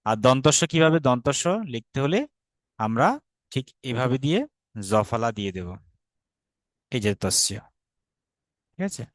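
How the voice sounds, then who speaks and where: A man's voice: mid-range voice, expressive, unhurried, long pauses, no room sound. Patient man teaching an online class. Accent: Bangladeshi Bengali. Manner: patient, repeats drills, checks understanding often. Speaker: Sanskrit teacher.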